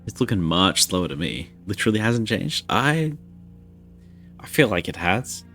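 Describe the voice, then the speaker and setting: A man's voice: lowish voice, sing-song, moderate pace, a bit bright, faint music behind. A man streaming a video game live, chatting casually and rambling to his viewers. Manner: rambling, chatty, self-deprecating.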